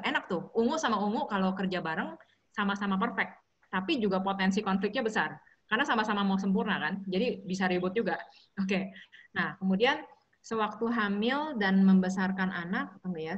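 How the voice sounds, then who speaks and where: A woman's voice: medium pitch, highs cut off. A woman speaking at an online support session, chatting casually between stories and guiding simple relaxation exercises. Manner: chatty, warm asides, frequent fillers. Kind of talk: casual talk with guided exercises.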